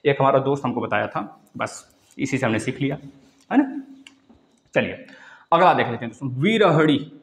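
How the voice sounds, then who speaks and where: A man's voice: mid-range voice, expressive, moderate pace, pauses often, roomy sound. A man giving an exam-prep grammar lesson, repeating each word and asking the viewers questions. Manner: repeats words, quizzes viewers, calls them friends. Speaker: Hindi grammar teacher.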